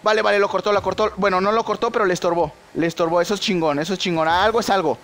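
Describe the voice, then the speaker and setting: Young man, Mexican accent, high voice, excitable gameplay commentary, faint room noise. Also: quick pace. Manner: excitable, slangy, shouts at big plays. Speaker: gaming YouTuber.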